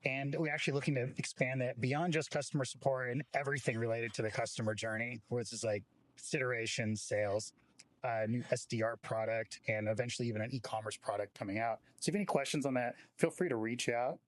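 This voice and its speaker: Representing his company, a man gives an informal, conversational welcome speech sprinkled with frequent "like"s. He talks fast in a mid-range voice with fairly even intonation, and there's no echo.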